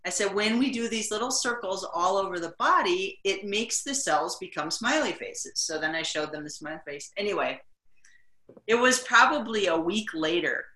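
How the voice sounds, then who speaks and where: A woman's voice: mid-range voice, lively intonation, normal speed, sharp tone, echoey room, low-quality recording. A woman casually telling a story from her past work, with hesitant fillers. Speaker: practitioner sharing a story. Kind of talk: casual storytelling on a video call.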